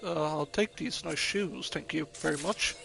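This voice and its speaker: A man's voice: a little high, moderate pace, creaky, fairly bright tone, soft background music. A man with an Irish accent hosting a game playthrough in casual, off-the-cuff commentary. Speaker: gaming video host. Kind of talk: casual let's play commentary.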